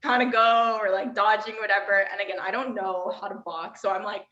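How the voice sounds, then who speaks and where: Young woman guest on a podcast, super animated storyteller, voices everyone in her story, sounds kinda roomy and dull. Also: medium pitch, a little fast. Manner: animated, acts out quotes, many "like" fillers. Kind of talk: casual storytelling.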